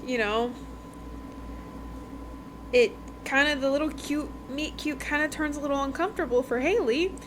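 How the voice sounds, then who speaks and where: Her voice sits high and she speaks at a normal speed, leaving long pauses. As a podcast host reviewing books, she retells a novel's plot in a casual, chatty manner, acting out dialogue in passing. The recording has a clearly noisy background.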